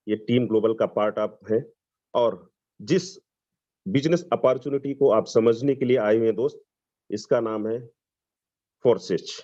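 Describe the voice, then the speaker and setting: A man from Lucknow, giving an enthusiastic sales pitch on a video call and mixing in English phrases. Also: a little mellow. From Lucknow, Uttar Pradesh, India. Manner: enthusiastic, persuasive, mixes English phrases, repeats "dost". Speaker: webinar presenter. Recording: dull lo-fi video call audio.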